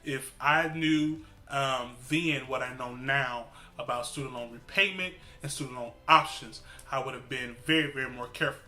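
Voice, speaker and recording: A man in his twenties, a student advocate, speaking in an earnest, measured way in a testimonial interview. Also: mid-range voice, pushed and bright.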